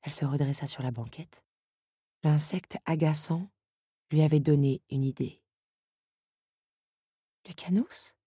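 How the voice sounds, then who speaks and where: A woman narrates an audiobook in a measured, even way. Her voice is low, husky and mellow. The recording is dry and close. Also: no echo.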